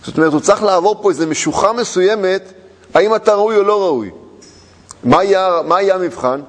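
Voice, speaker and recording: A man's fairly high voice carries a religious lesson, with a long hall reverb around it. He teaches through quick rhetorical questions and plays with words, repeating phrases for effect. The tone is a rabbi's sermon before his class. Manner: rhetorical questions, playful repetition and wordplay.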